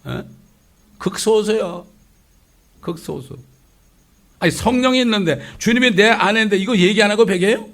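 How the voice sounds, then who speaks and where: A middle-aged man preaching a conversational sermon as a pastor, lively and full of rhetorical questions. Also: sits high, normal speed, long pauses. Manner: lively, asks rhetorical questions, acts out quotes.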